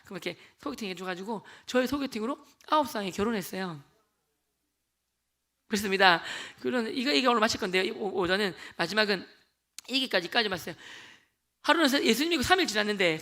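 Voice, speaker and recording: A man in his forties delivers a church testimony from the pulpit with a notably high, bright voice. He talks quickly and tells his story as a lively performance, acting out the voices of the people in it. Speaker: lay deacon giving testimony. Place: church sanctuary.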